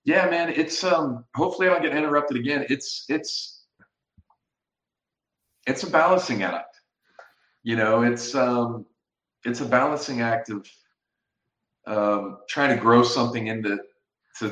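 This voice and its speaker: A man talking as a guest over a video call, casual and halting, often restarting his sentences. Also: mid-range voice, fairly bright tone, reverberant, poor audio. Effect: heard over a video call. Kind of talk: casual chat.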